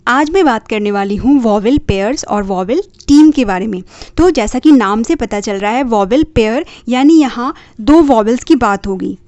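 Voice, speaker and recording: A woman hosting a parenting channel, slowly and patiently explaining reading rules to parents and sounding out words. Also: on the high side, animated, a little mellow, no echo, dull audio. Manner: slow and patient, spelling out sounds. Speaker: parenting channel host teaching phonics.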